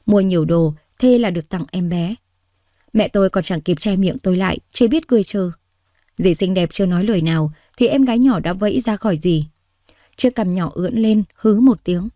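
A woman storyteller reading a story aloud in a steady, expressive way. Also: medium pitch, brisk, no room sound, studio quality. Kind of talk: scripted story narration.

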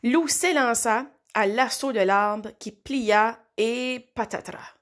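Woman storybook reader, slightly high, expressive, slow dramatic pauses. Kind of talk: children's story read aloud.

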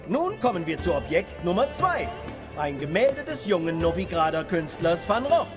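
An actor playing a showy, courteous auctioneer in a fantasy game, calling bids with formal theatrical patter. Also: male voice, high-pitched, very animated, normal speed, music in the background. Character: showy, courteous male auctioneer addressing genteel guests.

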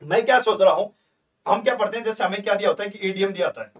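A man's voice: high-pitched, rapid-fire, distant mic. A man teaching a live online exam-prep lesson in a chatty, coaxing way, repeating points and asking his students questions.

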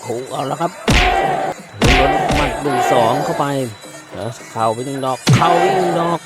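A man giving excited, exclamatory boxing commentary as a Muay Thai fight commentator. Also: mid-range voice, moderate pace. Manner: exclamatory, reacts to each strike with repeated interjections. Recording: loud music and crowd noise behind. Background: loud music and crowd.

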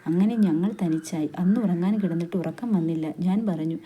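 Warm, low-voiced woman reading a story. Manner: steady unhurried narration with quoted dialogue. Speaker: story reader.

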